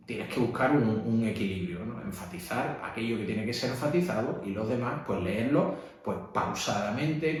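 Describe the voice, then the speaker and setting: A man with a Spanish accent, a priest teaching how to read at mass, in a conversational way with frequent tag questions. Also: medium pitch. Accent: Spanish (Spain). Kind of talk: instructional talk. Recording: echoey room.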